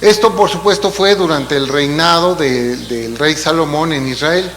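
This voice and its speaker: In a church hall with long reverb and a faint hum, a man preaches a sermon conversationally, sprinkling in asides and rhetorical questions. His voice is a little high and fairly bright, and he keeps a measured pace.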